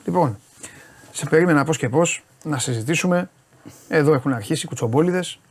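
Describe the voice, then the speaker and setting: Ζωηρός άντρας παρουσιαστής με ψηλή φωνή. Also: male voice, on the high side. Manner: animated, excitable, quick interjections. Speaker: show host. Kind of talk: casual sports chat.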